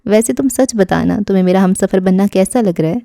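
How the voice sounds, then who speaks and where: A woman's voice: mid-range voice, gravelly, warm tone, dry recording, clean studio sound, natural voice. A woman doing a teasing young suitor. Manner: teasing, confident.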